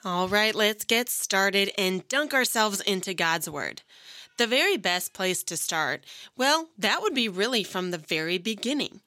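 A woman's voice: mid-range voice, lively intonation, a little slow, bright, forceful tone, no room sound. A woman hosting a children's devotional podcast, speaking sweetly and patiently like a Sunday school teacher who explains things simply.

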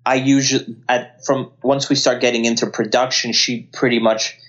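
A man's voice: medium pitch, flat delivery, normal speed, fairly bright tone, dull audio. A man from Colombia, a filmmaker guest in an interview, talking earnestly and often restarting his sentences. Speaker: guest, CGI artist and filmmaker. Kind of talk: casual interview talk.

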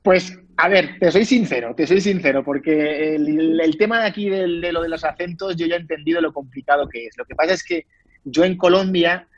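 A man with a Spanish accent from Spain, an actor being interviewed, talking in an animated, rambling way with many restarts. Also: a little high, brisk, no echo, lo-fi sound. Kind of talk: casual interview conversation.

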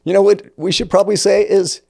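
Mellow-voiced man in relaxed church chat. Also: sits high, quick pace, creaky. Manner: relaxed, conversational, affirming. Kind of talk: casual podcast discussion.

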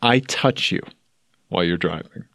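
A man's voice: deep voice, normal speed, vocal fry, a bit bright, dry recording, clean studio sound. A man co-hosting a casual podcast, teasing his friend and telling stories with a playful, joking manner. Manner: playful, teasing, storytelling with laughs. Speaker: podcast co-host. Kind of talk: casual chat.

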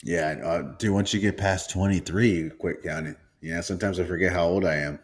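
Young male podcast co-host, deep low voice, relaxed casual chatter with restarts. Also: fairly quick. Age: 20s. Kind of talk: casual sports chat.

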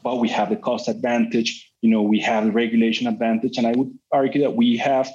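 Middle-aged executive from Colombia, rambling interview answers heavy on fillers, mid-pitched, dull-sounding recording. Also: male voice, little pitch movement, a little fast, mellow. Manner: talkative, full of "you know" fillers and restarts. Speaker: company CEO. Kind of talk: business interview. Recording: slightly muffled sound.

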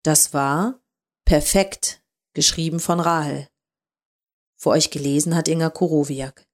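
A woman reading a dark short story aloud in a calm, measured narration. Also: deep voice. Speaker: story reader.

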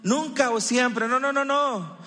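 A man's voice: extremely high pitch, takes it slowly, sharp tone. A man preaching a sermon as a pastor, mixing humor with teaching and acting out the lines people say. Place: church hall. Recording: live church hall reverb.

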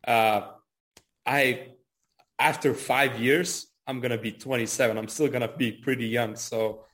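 This early-twenties trader and educator gives relaxed interview answers in a medium-pitched, slightly bright voice with fairly even intonation. He speaks a little slowly, repeats words, and frequently drops in "kinda" and "you know."

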